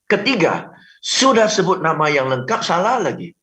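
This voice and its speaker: A man coaching on a radio talk show, animated, acting out sample phone calls and often asking for agreement. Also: a little high, normal speed. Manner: animated, acts out phone calls, frequent "betul kan?". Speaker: sales trainer guest. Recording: roomy, dull lo-fi radio audio.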